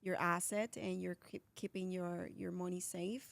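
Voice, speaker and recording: Woman guest, real estate agent, gravelly, chatty, dry close mic. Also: on the low side, little pitch movement, moderate pace, no echo. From born in Colombia, raised in Philadelphia. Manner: chatty, restarts, many fillers. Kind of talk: casual interview answers.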